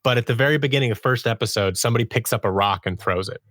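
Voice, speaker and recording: An audio drama producer and sound designer talks very fast as a podcast guest, telling stories about his creative work and acting out bits of dialogue in a conversational interview. His mid-range voice is fairly bright, with clean studio sound and no room sound.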